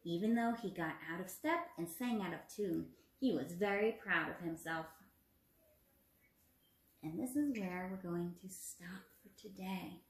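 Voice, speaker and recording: Speaking in a lowish, unhurried voice, a twenty-something woman acts as an encouraging teacher, reading to young children and posing questions to them. The recording is made in a small room at home and sounds roomy.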